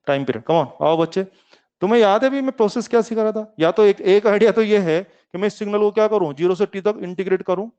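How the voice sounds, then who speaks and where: A man leads a physics lesson, coaxing his students along in a playful, teasing way. His voice sits a little high and comes through smooth and clear. The recording sounds a bit muffled. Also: fast, darkish tone. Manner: coaxing, talks to students as kids; playful, calls himself lazy. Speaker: physics teacher. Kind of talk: online classroom lecture. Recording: slightly muffled lecture recording.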